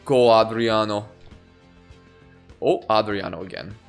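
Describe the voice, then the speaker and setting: A young man giving let's play commentary on a football video game, swinging between excited shouts and low muttering, with faint music behind. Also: slow pace, gravelly. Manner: animated, yelling at players, swings from excited to muttering. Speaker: gaming YouTuber.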